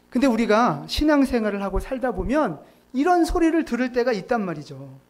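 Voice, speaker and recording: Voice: high-pitched, darkish tone. A pastor giving a sermon in a conversational way, often asking the congregation rhetorical questions. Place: church sanctuary.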